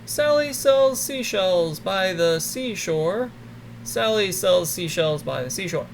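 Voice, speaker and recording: A man with a gravelly, slightly high voice reviews camera gear in an unhurried, measured way. He repeats the same test sentence evenly before explaining settings. He is recording in an ordinary room with a window, not a sound booth. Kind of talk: casual tech review with test readings.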